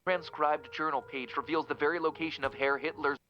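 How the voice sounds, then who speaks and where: Man doing a Cold War spy, fast formal dictation, dull lo-fi sound, music bed. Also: fairly high pitch, fairly even intonation, background noise, close to an everyday voice. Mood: tense. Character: secretive Cold War male spy writing reports.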